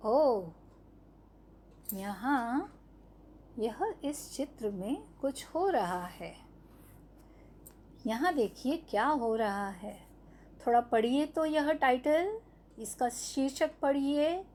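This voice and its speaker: A woman's voice: high-pitched, animated, extremely slow, long pauses, a little mellow, a little hiss or hum. A woman teaching an online lesson to young children, stretching out each syllable and answering her own questions. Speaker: primary school teacher.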